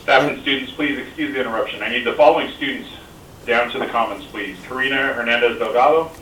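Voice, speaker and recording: A man's voice: medium pitch, quick pace, distant mic. A man making a school intercom announcement, politely and steadily reading out a list of names as a staff member. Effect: school intercom loudspeaker. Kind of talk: public address announcement. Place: classroom, voice from a wall speaker. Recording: echoey loudspeaker heard from across a classroom, faint hiss.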